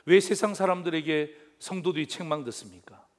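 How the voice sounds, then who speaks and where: A man's voice: on the high side, fairly quick. A man pastor delivering a sermon, preaching emphatically and asking the congregation rhetorical questions. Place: church sanctuary. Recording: reverberant church hall with faint music.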